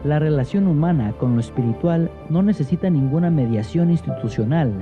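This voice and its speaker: A man reading scripted educational narration in a steady, formal way. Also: on the high side, brisk. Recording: dull, muffled lo-fi audio. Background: faint background music.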